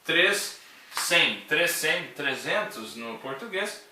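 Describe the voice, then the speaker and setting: A man's voice: on the high side, very animated, takes it slowly, bright, forceful tone, a little hiss or hum. A man teaching English numbers in a casual, chatty way, joking and often checking in with his listeners. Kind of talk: casual classroom explanation. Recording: very echoey room, mic at a distance.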